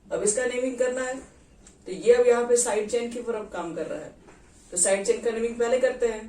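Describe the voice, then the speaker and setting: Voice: medium pitch, brisk, mellow. A chemistry teacher gives a classroom lecture, quizzing students and counting out carbon atoms one by one. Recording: echoey room, distant mic, faint noise.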